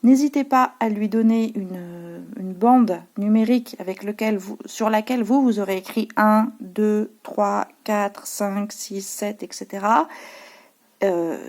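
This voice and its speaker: A woman's voice: mid-range voice, a little mellow. A woman teacher with a French accent, patiently explaining her pupils' home worksheets to parents, with many hesitations. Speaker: preschool teacher.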